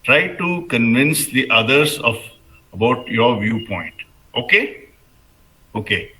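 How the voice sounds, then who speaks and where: A man with an Indian accent leading a class debate, deliberately questioning and probing his students. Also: mid-range voice, lively intonation, pushed and bright. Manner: deliberate, probing, repeats answers back. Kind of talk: interactive lesson, questioning students. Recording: echoey room sound.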